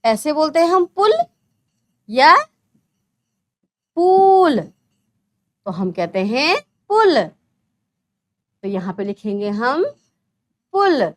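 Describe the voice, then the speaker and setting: A woman teaching a first-grade language lesson, drawing out single words slowly in a sing-song way for young children. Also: on the high side, big pitch swings. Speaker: primary school teacher.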